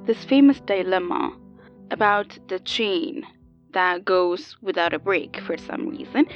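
A woman playing a calm AI copy of an older woman, heard over an old telephone line, explaining patiently and a little haltingly. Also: medium pitch. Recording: dull lo-fi phone sound, dry.

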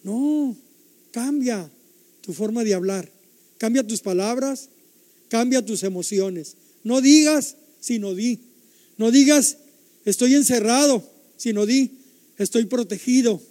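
An older male preacher with a very high yet mellow voice delivers an emphatic sermon, repeating key phrases and putting questions to his congregation. His words ring out with a long reverb, as if in a large church hall. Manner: emphatic, repetitive, asks the congregation rhetorical questions.

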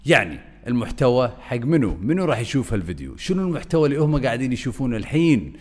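A man giving an energetic video lesson as a content coach, swinging his voice up and down on purpose. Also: medium pitch, rapid-fire.

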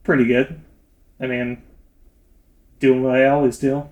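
A man's voice: mid-range voice, little pitch movement, measured pace. A man co-hosting a podcast in casual chat, with a loose, wry and hedging way of talking. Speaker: podcast co-host.

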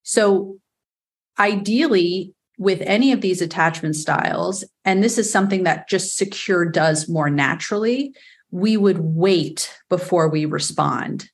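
Woman, New York accent, fairly low pitch, podcast guest, earnest explaining. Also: measured pace, husky. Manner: earnest, explanatory, with frequent fillers. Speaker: attachment specialist guest.

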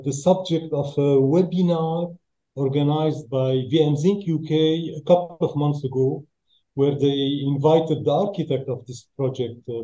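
A man with a Lebanese accent telling stories as an interview guest, halting as he searches for English words. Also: on the high side, mellow, lo-fi sound. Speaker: interview guest, roofing business owner. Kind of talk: conversational storytelling in an interview. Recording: echoey room sound.

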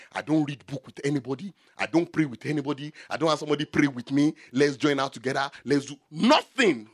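A man preaching a sermon, shifting between loud shouted peaks and low quiet asides, repeating key lines for emphasis. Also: breathy edge.

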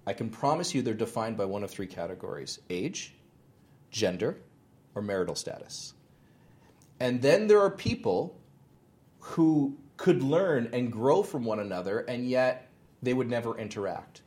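A man's voice: mid-range voice, expressive, measured pace, a little mellow. A man in his thirties, a ministry founder, talking earnestly in an interview and telling stories with frequent restarts. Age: 30s. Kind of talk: interview conversation.

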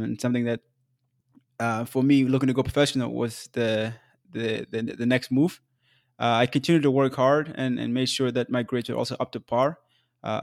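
Man in his twenties, from South Sudan, podcast host; measured and earnest, average pitch, dry close-mic read. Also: no room sound. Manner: measured, earnest, with occasional fillers. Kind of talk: scripted solo podcast narration.

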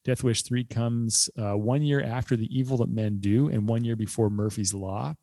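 A man co-hosting a casual movie podcast, laughing often and reading a quick plot rundown. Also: mid-range voice, steady tone, mellow, dry recording. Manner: laughs often, fast rundown read aloud. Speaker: podcast co-host.

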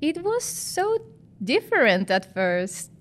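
Woman guest, fairly high voice, chatty, hesitant phrasing. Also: wildly swooping pitch, takes it slowly. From Chile. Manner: chatty, searching for words, laughs often. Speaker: guest, former physician and master's student. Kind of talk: podcast interview.

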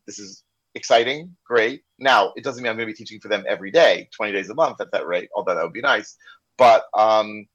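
The speaker is an American man, a corporate trainer guesting on a casual podcast, whose mid-range voice is a little bright. He relates an honest story and acts out what people said. The recording is lo-fi and slightly dull.

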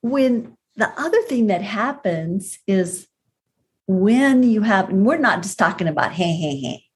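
Slow-talking curious woman. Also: medium pitch, animated, a little hiss or hum. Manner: interjecting, curious, asks follow-up questions. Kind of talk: casual conversational chat.

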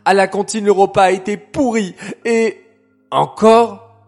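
A man's voice: sits high, fairly even intonation, unhurried, soft background music, voice pushed up. A man voicing a grumpy young boy who mumbles and complains in a children's story. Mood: protesting. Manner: sulky, grumbling, loud bursts.

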